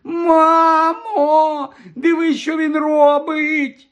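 A man's voice: medium pitch, wildly swooping pitch, brisk, a bit bright, full character voice. A man voicing a spoiled, bullying plump boy with a taunting, whiny sing-song manner in an audiobook. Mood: shrieking. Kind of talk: audiobook character voice.

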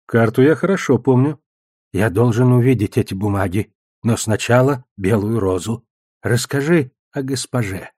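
A man's voice: mid-range voice, moderate pace, a little mellow, breathy edge, no room sound, studio quality, lightly acted. A man voicing an older male wizard who talks in a wandering, thoughtful way, in an audiobook.

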